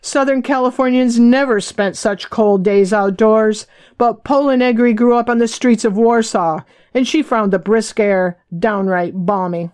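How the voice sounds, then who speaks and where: A woman with a somewhat high voice reads her own biography aloud. Her delivery is measured and even, steady audiobook storytelling. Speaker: author reading her own book. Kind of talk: audiobook narration.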